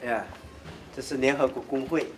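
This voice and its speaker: A man's voice: mid-range voice, fairly even intonation, moderate pace, music in the background. A man guiding visitors through offices and an exhibition hall, talking in a welcoming way with many fillers. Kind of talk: casual guided tour. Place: indoor office building. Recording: distant, noisy camera audio.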